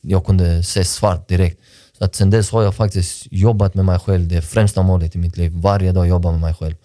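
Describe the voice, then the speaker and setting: A man's voice: low-pitched, steady tone, mellow, no echo, studio quality. A man talking about his past in a podcast interview, earnest and reflective, often restarting his sentences. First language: not Swedish. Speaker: podcast guest, sports director. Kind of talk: personal interview talk.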